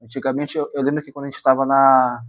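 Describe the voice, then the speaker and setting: A man's voice: medium pitch, flat delivery, fast, dry recording. A man hosting a podcast, chatting casually, asking questions and joking with his guest. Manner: chatty, asks questions, jokes. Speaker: podcast host.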